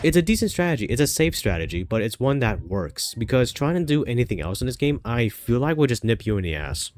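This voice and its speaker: A gaming streamer with a cold-stuffed nose thinks aloud and chats casually over his gameplay, full of fillers and restarts. His voice is medium in pitch, a little mellow, very animated and quick.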